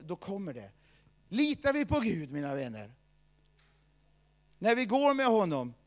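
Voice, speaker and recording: A man preaching a sermon, telling a personal story, swinging between loud outbursts and low asides.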